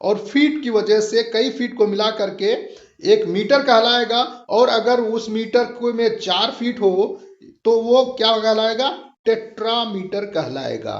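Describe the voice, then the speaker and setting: A man teaching English literature in a patient, explanatory lesson, repeating each point and slowing down for key terms. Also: very high-pitched. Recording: roomy, dull lo-fi sound.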